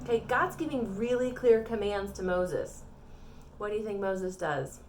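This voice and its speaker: A middle-aged woman teaching a children's Bible lesson with props, animated and playful, talking directly to the kids. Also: medium pitch, normal speed, slight background noise. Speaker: Sunday school teacher.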